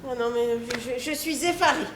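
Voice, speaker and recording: A woman's voice: high voice, brisk, fairly bright tone, a little hiss or hum. A woman acting an overwrought, easily shocked woman who talks in melodramatic exclamations in an amateur stage play. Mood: indignant. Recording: echoey stage hall.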